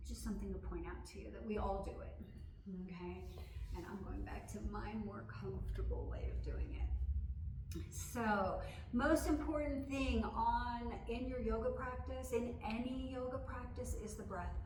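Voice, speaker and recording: Casting: female yoga instructor, mid-pitched, conversational and reassuring, recorded at a distance in a roomy space. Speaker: yoga teacher. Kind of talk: instructional yoga talk, explaining step by step. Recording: roomy echo, distant mic, faint noise.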